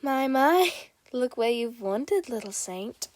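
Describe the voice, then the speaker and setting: A woman's voice: a little high, expressive, unhurried, a little mellow, no echo, pitched above the performer's own voice. A woman doing a taunting mischievous boy thief. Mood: teasing. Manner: teasing, sing-song taunts.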